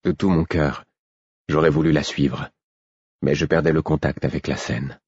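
A man narrating an audiobook in a measured, dramatic reading, in a slightly muffled recording. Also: rumbling low, steady tone, a little mellow, breathy edge, no room sound. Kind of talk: scripted narration.

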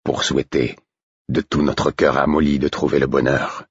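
Guy playing a slow steady old horseman, deep and raspy, dry muffled sound. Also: dry recording. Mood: solemn. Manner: calm, slow, philosophical. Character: steady, gruff old male stablemaster, calm drinker.

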